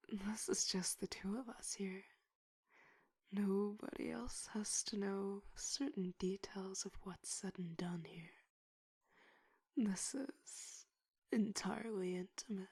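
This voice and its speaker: A woman playing a stern, condescending tough-cop detective in an interrogation, in a whispered role-play with a breathy voice and slow, intimidating delivery. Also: medium pitch, darkish tone, no echo, full character voice. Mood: quietly menacing.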